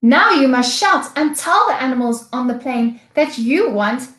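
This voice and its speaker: A woman's voice: high voice, animated, unhurried, fairly bright tone. A woman with a South African accent voicing a kudu antelope who judges a contest in a storybook reading. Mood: instructing. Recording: echoey room.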